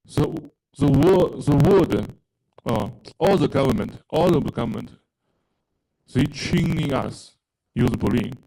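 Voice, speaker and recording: This is a personal testimonial from a Mandarin-speaking man from China, recalling his time in a spiritual program. His delivery is earnest, halting and very slow, with frequent filler-filled pauses, and his voice sounds gravelly, fried and not at all bright on a rough recording.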